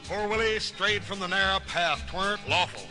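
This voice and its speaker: Man doing big ranch son, folksy drawl, high-pitched, singing with music behind. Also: moderate pace, lightly acted. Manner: folksy drawl, sings comic ballad. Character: big good-natured grown son on a ranch. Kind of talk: old-time western musical episode.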